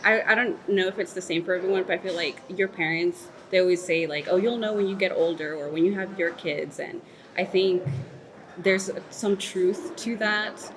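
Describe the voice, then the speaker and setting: The recording is rough, with slight background noise, as a woman in her thirties reflects candidly in an interview. Born in Mexico and raised in Texas, she speaks thoughtfully at normal speed in a lowish voice, with plenty of "like" and "um" fillers.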